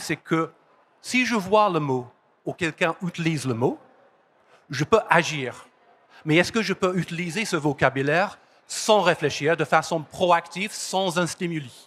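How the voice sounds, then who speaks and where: A man with an English accent and a somewhat raised pitch gives a lively conference talk. He is from London, and the language is not his first. He drives home key phrases by repeating them. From London, England. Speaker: conference speaker. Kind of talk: conference presentation. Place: conference hall.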